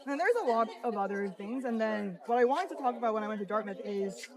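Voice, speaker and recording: A woman's voice: on the high side, fast. A young woman in her twenties, born and raised in South Korea, chatting casually and thinking aloud with many ums, interviewed outdoors in the city. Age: 20s. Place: outdoors on a busy city street. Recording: crowded street noise behind. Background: crowd chatter.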